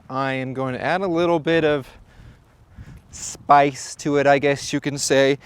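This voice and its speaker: A man hosting a shooting-range video, talking to the viewer in a playful, joking way. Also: on the high side. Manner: playful, jokey, talks to the viewer. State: out of breath at times. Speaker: shooting channel host. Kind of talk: casual vlog narration at the range.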